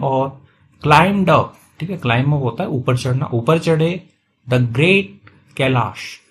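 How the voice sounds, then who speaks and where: A man gives a lesson in Hindi, with a voice of ordinary pitch. He reads each phrase slowly and then explains it quickly. A faint hiss sits under the recording. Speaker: English teacher.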